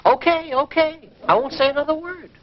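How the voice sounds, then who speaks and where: An actor playing a sulky, stubborn, blustering American husband in a mid-century radio comedy. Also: male voice, very high-pitched, normal speed. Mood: grumbling, objecting. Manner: indignant, stammering bluster. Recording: dull, faintly noisy vintage radio recording.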